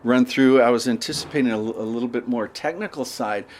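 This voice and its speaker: A man's voice: mid-range voice, fast, slight background noise. Man hosting a chat in a sauna. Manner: rambling, warm questions with fillers. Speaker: podcast host. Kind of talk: casual interview chat. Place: inside a sauna at an outdoor festival.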